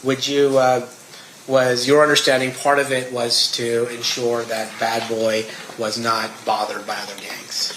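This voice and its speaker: A man's voice: mid-range voice, little pitch movement, a little slow. Echoey American man questioning a witness. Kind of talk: courtroom examination. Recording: echoey room with background noise.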